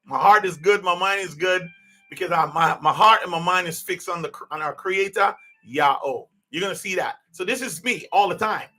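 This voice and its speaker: Man in his fifties, podcast host, high pitch, bright voice, rambling restarts. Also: normal speed. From Jamaica. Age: 50s. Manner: earnest, rambling with many restarts. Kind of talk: unscripted personal monologue.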